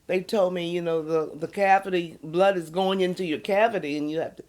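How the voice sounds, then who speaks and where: An older woman being interviewed, calmly recounting a personal story and acting out the quoted voices of others. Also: fairly low pitch, brisk. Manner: animated retelling, voices quoted speech, soft at tense moments. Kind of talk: conversational storytelling.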